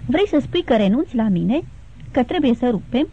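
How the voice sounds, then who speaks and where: A woman's voice: fairly high pitch, big pitch swings, dark tone, a little hiss or hum. A woman voicing a tender young bride in an audiobook, reading her lines with emotion. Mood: alarmed. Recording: tinny phone-like sound.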